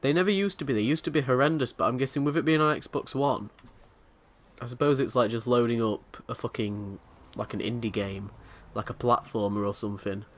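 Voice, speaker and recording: A man's voice: mid-range voice, brisk. A man giving casual commentary over a video game, joking crudely and talking back to the characters on screen. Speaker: let's play host.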